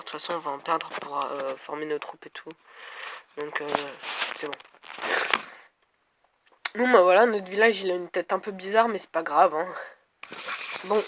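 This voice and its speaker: A gaming video creator stuffed up with a head cold gives casual gameplay commentary, thinking aloud and hesitating as he talks to his viewers. His voice is high, and there's background noise.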